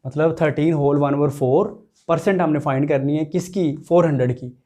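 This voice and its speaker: Guy teaching math to students, slightly high voice, walks thru each step asking questions. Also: moderate pace, warm tone. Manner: step-by-step explaining with rhetorical questions; addresses students directly and repeats numbers. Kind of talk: classroom math lesson.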